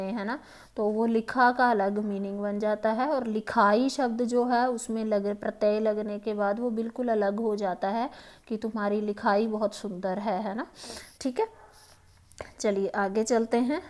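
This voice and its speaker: A woman with a Himachali Hindi accent, a teacher patiently explaining exam grammar questions, pausing often and checking in with the listener. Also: fairly high pitch, a little mellow. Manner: patient, repeats "ठीक है" and "है ना", many hesitations.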